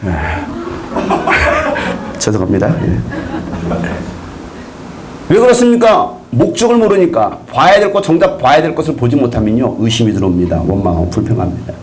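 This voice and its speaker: A man's voice: medium pitch, big pitch swings, moderate pace, long pauses, background noise. A man preaching a sermon to a congregation, asking them question after question. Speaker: pastor.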